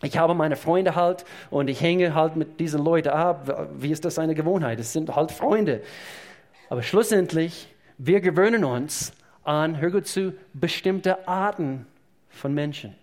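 A man's voice: on the high side, a little slow, a little mellow. A man preaching a sermon to his congregation, emphatic and repeating key phrases as he speaks to them directly. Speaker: pastor. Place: church service.

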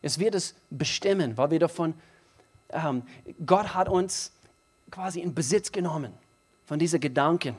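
Preaching at a normal speed in a fairly high, slightly rough voice, this man hammers home his sermon by repeating key phrases. His delivery shifts from soft and intimate to loud and forceful.

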